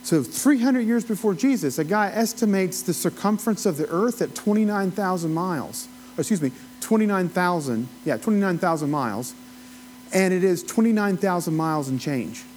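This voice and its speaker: Higher-pitched Appalachian man teaching informally. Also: lively intonation, normal speed, darkish tone, a little hiss or hum. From Appalachia, United States. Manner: folksy, rambling asides, asks the listeners questions. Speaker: Bible study teacher. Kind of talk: informal teaching, conversational lecture.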